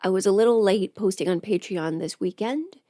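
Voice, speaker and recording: Here a woman livestreams while nursing a cold, and as an audio script performer she keeps up a casual, rambling chat full of self-deprecating, playfully sarcastic remarks. Her voice is warm, medium-pitched, and brisk, recorded dry with clean studio sound.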